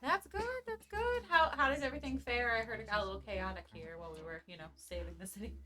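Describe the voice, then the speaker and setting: A woman's voice: medium pitch, rapid-fire, sharp tone. A woman playing a character in a tabletop game, chatting playfully with the game master. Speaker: player. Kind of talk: casual tabletop role-play.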